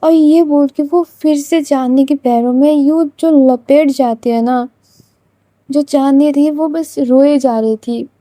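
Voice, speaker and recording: A woman storyteller narrates an emotional romance in a loose, conversational style, full of drama and little fillers. Her voice is high yet dark and mellow in tone. The recording is close and completely dry. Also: fairly even intonation, a little slow, no echo.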